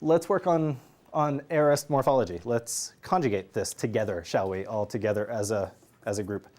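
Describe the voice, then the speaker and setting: A man's voice: fairly low pitch, moderate pace, darkish tone. A man teaching a Greek grammar class, drilling students and joking with them. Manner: drills students, jokes and laughs. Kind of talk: classroom lesson.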